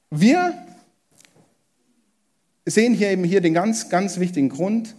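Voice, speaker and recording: A man with a German accent preaching a sermon, emphatic and lively, addressing the congregation with rhetorical questions. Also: high-pitched. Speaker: pastor.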